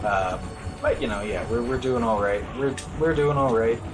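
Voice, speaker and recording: A man with a medium-pitched voice narrates his own speedrun live, casual and wryly understated in his humor, at a moderate pace. Loud video game music plays behind him, and the recording is rough.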